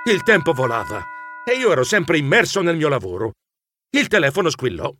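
Very animated male storybook narrator. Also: on the high side, a little fast, slight background noise. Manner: lively, animated, first-person storytelling with grumbly asides. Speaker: audiobook narrator.

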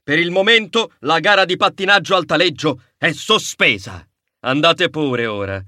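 A man's voice: fairly high pitch, animated, normal speed, pushed and bright, dry recording, studio quality. A man doing a formal mouse official. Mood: grave. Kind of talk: audiobook character voice.

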